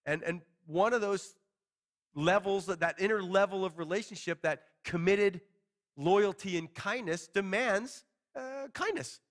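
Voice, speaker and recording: Pastor guy teaching from a church stage, bright slightly high voice, chatty and gesturing. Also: a little slow. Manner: conversational, animated hand gestures, paraphrases scripture casually. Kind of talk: expository sermon. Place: church stage before a small seated congregation.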